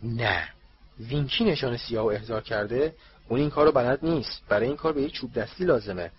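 A man's voice: mid-range voice, natural voice. A man voicing a flustered, jovial middle-aged male official firing off breathless questions, on a dull lo-fi recording. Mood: alarmed. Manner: breathless, rapid-fire questions.

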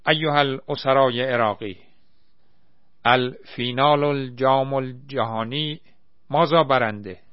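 A man voicing an excitable, football-mad young soldier who talks loudly and in exclamations, in a dry, slightly muffled recording. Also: medium pitch, no echo, voice pushed up, natural voice. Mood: commanding. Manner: loud, exclaiming, shouting.

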